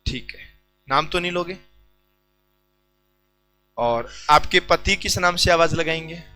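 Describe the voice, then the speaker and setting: Bright-voiced male teacher, high and teasing. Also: slow, soft background music, poor audio. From India. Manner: teasing, talks straight to the class. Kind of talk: joking classroom lecture. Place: classroom.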